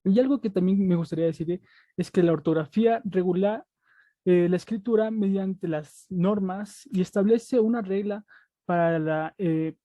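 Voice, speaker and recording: A student presents to the class in a very dark, mellow voice, stumbling often with fillers and restarts. The sound is dry and dull, close and lo-fi. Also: medium pitch, no echo. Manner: halting, many fillers and restarts.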